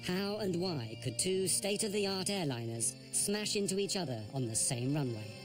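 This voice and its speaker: A man reads documentary narration in a measured, grave tone. His voice sits a little high for a man. Music plays clearly under him. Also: expressive.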